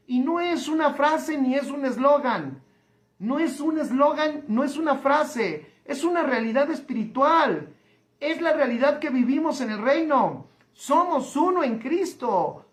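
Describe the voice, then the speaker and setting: A man, a pastor preaching a livestreamed sermon, emphatic and slowing down to repeat key phrases. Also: extremely high pitch. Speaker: pastor and teacher. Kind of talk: livestreamed sermon reading viewer comments.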